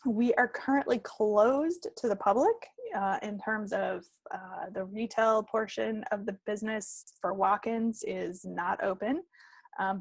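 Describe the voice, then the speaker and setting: Co-hosting a casual podcast over an online call from home, a woman sounds chatty and playful. Her mid-range voice has vocal fry, and the recording is dry.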